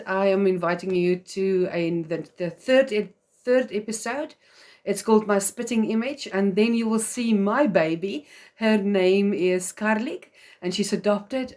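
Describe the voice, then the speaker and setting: A woman with a medium-pitched, slightly mellow voice speaks English with a South African accent, Afrikaans being her first language. She hosts a live video for mothers, talking to viewers in an earnest, chatty manner full of fillers.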